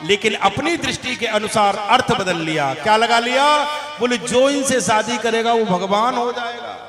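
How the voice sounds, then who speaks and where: A man's voice: very high voice, normal speed. A man telling a devotional story as a religious storyteller, singing verses and joking as he acts out the characters. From India. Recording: echoey room with instruments behind.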